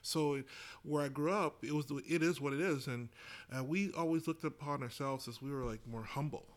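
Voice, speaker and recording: A man's voice: on the high side, a little fast. A man, a former basketball coach from Canada, reflecting in a casual conversation with many fillers.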